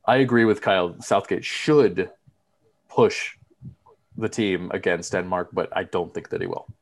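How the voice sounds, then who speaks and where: A man's voice: deep voice, unhurried. A man hosting a sports podcast, laid-back and hesitant, with lots of "uh" and "um". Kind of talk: casual sports chat.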